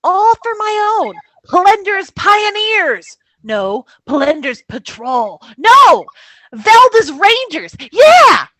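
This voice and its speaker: A woman's voice: very high voice, lively intonation, takes it slowly, few pauses, fairly bright tone, no echo, exaggerated voice, rough recording. A woman playing a brash, spiteful, grandiose villainess in a theatrical comedic script reading. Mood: defiant, grandiose. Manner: theatrical, emphatic.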